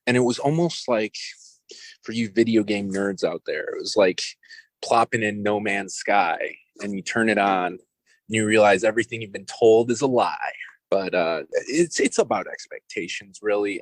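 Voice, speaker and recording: A man's voice: lowish voice, dry recording, poor audio. A man co-hosting a movie podcast, giving blunt, rambling opinions in casual talk. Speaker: podcast co-host.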